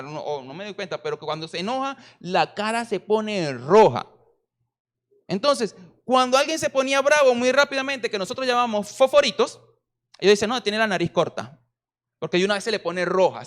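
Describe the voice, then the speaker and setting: High-voiced man preaching a playful sermon. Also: animated, a bit bright. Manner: humorous, self-deprecating asides; slows and stretches key words for emphasis. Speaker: pastor.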